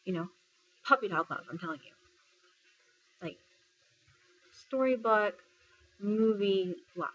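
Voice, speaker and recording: A woman's voice: medium pitch, expressive, takes it slowly, pauses often, a bit bright, highs cut off, a little hiss or hum. Woman telling a personal story. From Texas. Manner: conversational retelling, filler-heavy, quotes others' words. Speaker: military service member.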